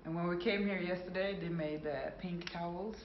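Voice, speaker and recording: A woman's voice: lowish voice, fairly even intonation, normal speed, a little hiss or hum. Young woman, playful, teasing, casual vlog chat, roomy distant camera sound, dull. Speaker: vlogger. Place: holiday apartment indoors, then outdoors in a windy forest.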